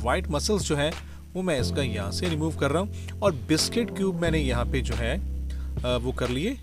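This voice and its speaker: A friendly male chef, his voice sitting a little high for a man, guides a recipe step by step in voice-over. He is warm and easygoing, and guitar music plays clearly underneath. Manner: friendly, step-by-step, keeps saying "perfect". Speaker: cooking show host, chef.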